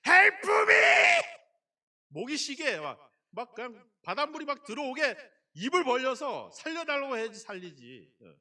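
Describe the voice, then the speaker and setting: A male pastor preaches in a high, ringing voice, acting out scenes and firing questions at the congregation. The sound comes from a church sanctuary, with the voice a little distant from the mic. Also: normal speed, few pauses. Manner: lively preaching that acts out quotes and often asks the congregation questions. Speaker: senior pastor. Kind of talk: sermon.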